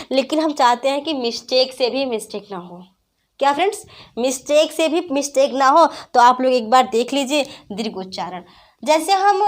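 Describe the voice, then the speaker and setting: A woman with a high voice teaches a grammar class. She talks patiently and works through examples. She keeps asking her students questions, then answers them herself. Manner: repeats questions to students, addresses them as friends; patient, explains slowly with examples. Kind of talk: online class lesson.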